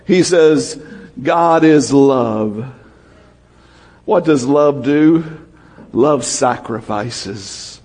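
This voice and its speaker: Husky-voiced preaching man, slow and emphatic. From United States. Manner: lively preaching, calls out to the congregation, rises to shouts and drops low. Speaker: pastor. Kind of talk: sermon.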